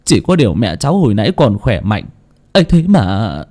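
A man's voice: fairly low pitch, wildly swooping pitch, warm tone. A man voicing a middle-aged son who speaks in a hurry through his grief. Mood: hurried. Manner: hurried, tearful.

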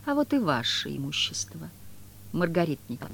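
A reader voicing a sly, fawning male trickster who speaks in quick exclamations. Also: mid-range voice, sing-song, slight background noise, close to an everyday voice.

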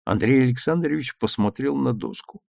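A man narrating a children's story aloud in an expressive, lively reading style. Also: mid-range voice, moderate pace, vocal fry, no echo, studio quality.

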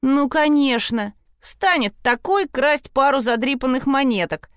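A woman's voice: fairly high pitch, very animated, moderate pace, no room sound, clean studio sound, voice pushed up. A woman doing a bossy, impatient girl. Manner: sharp, scoffing.

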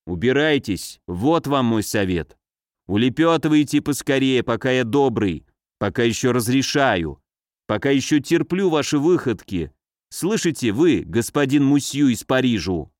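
A man voicing an angry, gruff male rebel leader who shouts threats. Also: mid-range voice, sing-song, normal speed, dry recording, clean studio sound, natural voice. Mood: furious.

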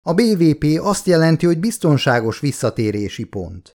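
A man's voice: medium pitch, animated, darkish tone, natural voice. A man reading a cool-headed female polar guide. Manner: matter-of-fact, patient explaining. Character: calm, dry-witted young woman polar guide. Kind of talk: audiobook character voice.

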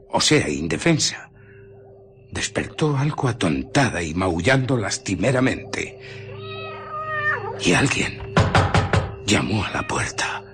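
An actor with an accent from Spain playing an obsessive, irritable, secretive scientist in a radio drama, telling his story theatrically in a husky, breathy voice. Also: lowish voice, heavily acted. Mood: tense, secretive. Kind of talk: Spanish radio drama acting.

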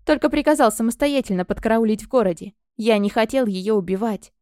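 A woman voicing a desperate, ruined male merchant who pleads in a frantic, rasping way, read for an audiobook. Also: fairly high pitch, fairly quick, darkish tone, dry recording, studio quality, close to an everyday voice. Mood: pleading.

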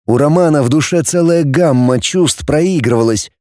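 A man's voice: a little high, normal speed, dark tone, no echo, clean studio sound. A man narrating a story expressively as an audiobook reader.

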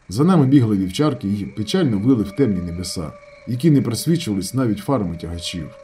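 A man reading a novel aloud as an audiobook narrator, with expressive, dramatic storytelling. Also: fairly low pitch, a little hiss or hum.

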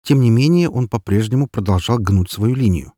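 Low-voiced male audiobook narrator. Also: animated, a little fast, mellow, no echo, clean studio sound. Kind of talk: scripted first-person narration.

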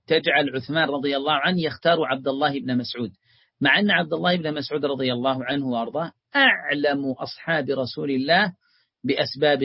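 Man, religious lesson teacher, slightly high voice, husky, dry muffled recording. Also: dry recording. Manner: explanatory, addresses students warmly as beloved ones.

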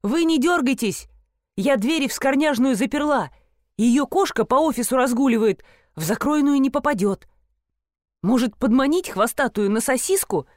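A dim, chatty shop assistant, put on by a woman narrator, blurting everything out loudly in a raised voice. The recording is dry and close. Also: high voice, animated, moderate pace, no room sound, pitched above the performer's own voice. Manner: loud, simple, blurting.

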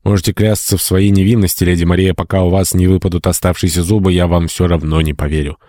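A man's voice: low voice, level tone, fast talker, mellow, dry recording, studio quality, natural voice. A male audiobook reader voicing a bitter, imperious old baroness who scolds her niece. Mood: angry. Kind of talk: audiobook character reading.

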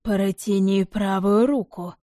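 Woman doing an ancient wolf spirit, storybook, rumbling, unhurried, mellow tone. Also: fairly even intonation, no echo, clean studio sound, close to an everyday voice. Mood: commanding. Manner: slow, low rumbling delivery. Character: ancient huge silver wolf spirit, commanding. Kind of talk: audiobook character voice.

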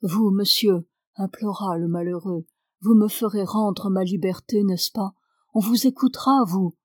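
A woman's voice: mid-range voice, unhurried, a little mellow, no echo, studio quality, lightly acted. A woman reading the part of a peasant man locked away as a madman, telling his story in an earnest, confiding tone. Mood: pleading.

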